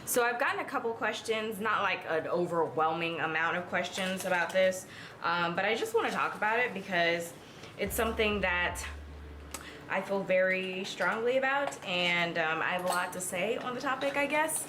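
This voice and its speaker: A woman's voice: medium pitch, animated, moderate pace, sharp tone, a little hiss or hum. A woman in her twenties chatting casually to her viewers while doing her makeup, rambling with lots of fillers. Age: 20s. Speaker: beauty vlogger. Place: at home in front of a mirror.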